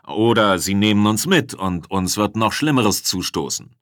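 A man voicing a desperate male rebel commander who shouts urgent commands to rally his troops in an audiobook. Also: fairly low pitch, lively intonation, moderate pace, no echo, clean studio sound. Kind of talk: audiobook character voice.

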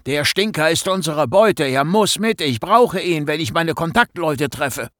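A man's voice: on the high side, lively intonation, measured pace, a bit bright, no echo, studio quality, pitched above the performer's own voice. A man reading an audiobook and voicing a brash, broad-shouldered teenage boy who talks in a hasty, snapping way.

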